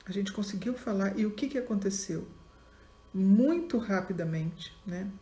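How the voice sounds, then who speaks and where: A woman's voice: medium pitch, animated, measured pace, warm tone. A woman with a Brazilian Portuguese accent, a psychology lecturer telling a case story in class and acting out both sides of the dialogue. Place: lecture room. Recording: echoey classroom.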